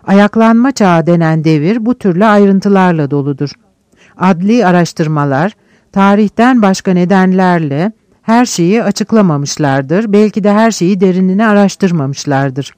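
High-voiced man reading a novel aloud. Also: darkish tone, no room sound. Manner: measured, declamatory reading in short phrases. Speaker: audiobook narrator. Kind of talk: scripted literary narration.

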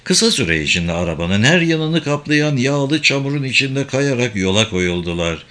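A man narrating a dramatic audiobook in a steady reading voice. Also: mid-range voice.

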